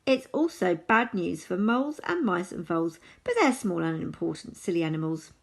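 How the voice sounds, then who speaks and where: A woman voicing a pompous, self-important male beaver in a storybook reading, with a raspy, lively voice. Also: fairly low pitch, brisk, heavily acted. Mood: smug.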